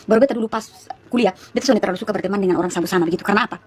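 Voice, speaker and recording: A woman's voice: mid-range voice, very fast, darkish tone. A young woman from East Nusa Tenggara with a Kupang Malay accent, chatting casually on a phone livestream, greeting viewers by name and laughing often. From East Nusa Tenggara, Indonesia. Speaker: livestream host.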